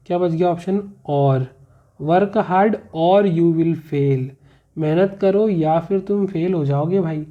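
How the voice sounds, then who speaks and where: A male teacher explaining grammar rules in a classroom lesson, repeating each rule and asking the class questions as he goes. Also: on the high side. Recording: muffled, slightly lo-fi.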